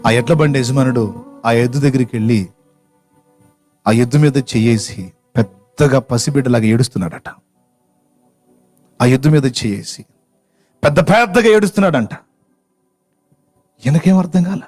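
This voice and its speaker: Man preaching, telling a story with feeling, soft music under. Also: medium pitch, moderate pace, long pauses. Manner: emotional, builds to impassioned crying-out. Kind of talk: sermon storytelling.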